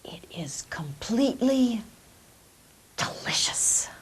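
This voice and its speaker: A woman voicing a crafty immigrant trickster in a folk tale, coaxing and teasing in a drawn-out, theatrical way. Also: fairly high pitch, big pitch swings, whispered, pitched above the performer's own voice, full character voice. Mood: showy. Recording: clear background hiss.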